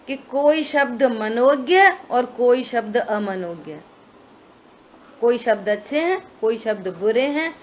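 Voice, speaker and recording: In a high, slightly bright voice, a woman delivers a step-by-step religious study discourse as a scripture teacher, posing rhetorical questions to her listeners. Faint hiss and a dull lo-fi quality mark the recording.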